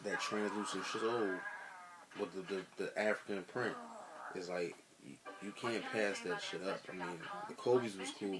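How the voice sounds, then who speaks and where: A man's voice: sits low, low-quality recording. An American man in a casual rant to camera, blunt and emphatic, swearing heavily and repeating himself for emphasis. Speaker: sneaker vlogger.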